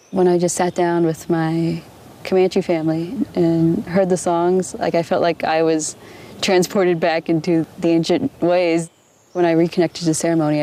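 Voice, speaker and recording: A soft-spoken young woman from the United States, speaking reflectively in a documentary interview. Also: lowish voice. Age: young adult. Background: music.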